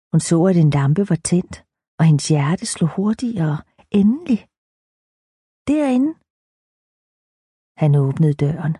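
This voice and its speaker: A woman narrating an audiobook in a calm, measured reading voice. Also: low voice, slightly rough, dry recording, studio quality.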